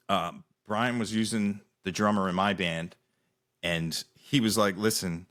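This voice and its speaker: Rambling low-voiced man telling stories. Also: a bit bright. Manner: rambling storyteller, many restarts, laughs often. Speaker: podcast host. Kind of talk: casual chat.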